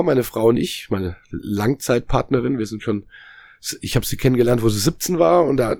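A man in his late forties with a gravelly voice, chatting as a podcast guest. He rambles, restarts sentences, and leans on fillers. He is recorded dry and close on a studio mic. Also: medium pitch, a little mellow, no room sound. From Germany. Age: 40s. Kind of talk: casual chat.

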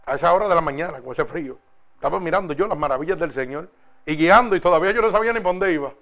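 A man preaching a sermon and giving his own testimony, moving between loud exhortation and hushed storytelling. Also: a little high, very fast.

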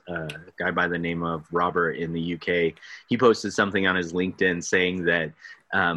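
A man hosts a podcast interview in a chatty, self-deprecating way, laughing often. His voice is very low but bright. The sound is dry and close, with no room echo. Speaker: podcast host. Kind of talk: casual interview.

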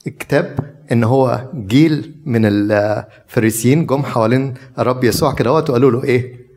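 A man's voice: mid-range voice, a little fast, darkish tone. A man with an Egyptian Arabic accent preaching a sermon in a conversational way, putting questions to his listeners. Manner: conversational, asks the audience questions.

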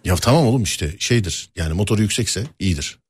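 Animated man hosting a casual show. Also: low voice, fast, slightly rough, dry recording, studio quality. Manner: animated, jokey storytelling. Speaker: host. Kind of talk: casual chat.

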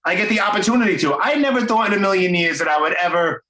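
A man's voice: sits high, rapid-fire, sharp tone. A man with a Brooklyn accent hosting a casual interview podcast, talking in an informal, slangy, enthusiastic way. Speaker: podcast host. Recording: roomy, echoing sound.

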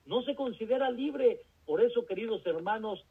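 Man, rabbi, Mexican accent, sermon, rhetorical questions, husky voice, tinny phone-like sound. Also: very high voice, lively intonation, normal speed. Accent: Mexican Spanish. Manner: rhetorical questions, folksy storytelling.

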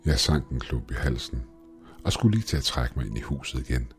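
Extremely deep-voiced man narrating horror. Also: animated. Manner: tense first-person storytelling. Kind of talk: scripted horror story narration. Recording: faint background music.

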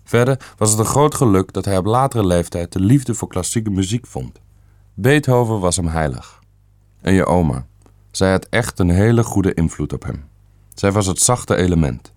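A man's voice: deep voice, animated, normal speed, a little mellow, dry recording, clean studio sound. Blunt elderly great-uncle, read by a man. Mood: stern. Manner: stern, matter-of-fact.

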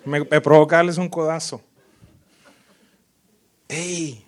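A man preaching a sermon as a pastor, lively and full of sudden loud rises and teasing impressions of worshippers. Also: a little high, slow pace.

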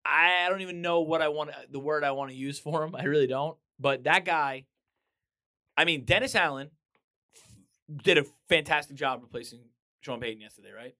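A man co-hosting a casual sports chat, animated, acting out quotes, with many restarts. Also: on the high side, moderate pace. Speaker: podcast co-host.

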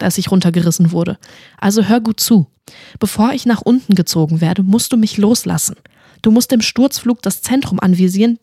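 A woman's voice: mid-range voice, darkish tone, dry recording, clean studio sound, lightly acted. A woman voicing a studious, earnest young witch who lectures her companion in a fantasy audiobook. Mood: urgent. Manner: instructive, lecturing.

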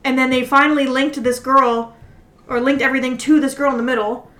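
A woman co-hosting a casual podcast, retelling a story rapidly and animatedly, peppered with "like" and swearing. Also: high-pitched, flat delivery, fairly bright tone. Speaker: podcast co-host. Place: indoor room, drinking with friends. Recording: echoey room.

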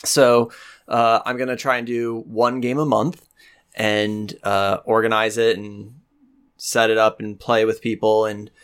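A young podcast host and game master chats casually and enthusiastically, rambling with lots of fillers. His lowish voice is smooth, a little slow and shows little pitch movement.

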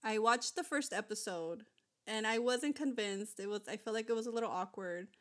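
A woman's voice: a little high, normal speed, fairly bright tone. A young woman co-hosting a casual chat, rambling with lots of fillers and restarts.

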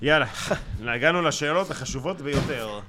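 A man's voice: mid-range voice, lively intonation, sharp tone. A male podcast co-host prodding his guest with hyped questions in casual chat.

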